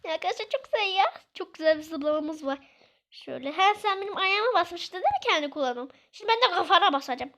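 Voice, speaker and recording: Woman gamer, very high voice, chatty and excitable let's-play commentary. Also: fast. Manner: excitable, chatty, exclaiming, scolding the game aloud. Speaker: gaming video creator.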